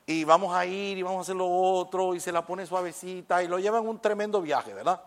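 A man preaching a sermon, lively and conversational, acting out little exchanges and dropping in English phrases. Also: sits high, a little fast. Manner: animated, acts out little dialogues, mixes in English phrases.

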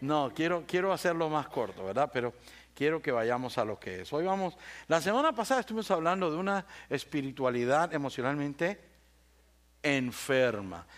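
Animated, high-pitched pastor. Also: male voice, normal speed. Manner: animated storyteller, asks the congregation for assent. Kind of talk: sermon.

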